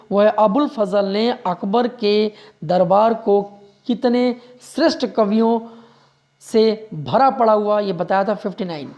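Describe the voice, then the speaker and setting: A man's voice: high voice, darkish tone. Man drilling history facts for exams. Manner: drills facts by repeating them; keeps urging listeners to remember. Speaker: history teacher. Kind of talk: exam-prep lecture.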